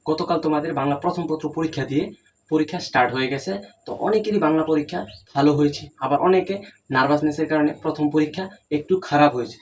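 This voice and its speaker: A man's voice: a little high, poor audio. A young man tutoring students for an exam, racing through his points at a breakneck clip in a slightly raised voice. He keeps checking that his listeners follow along. A faint hiss of room noise sits under the recording. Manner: rapid, coaching, repeats "ঠিক আছে?" to check in. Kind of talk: exam-prep lesson.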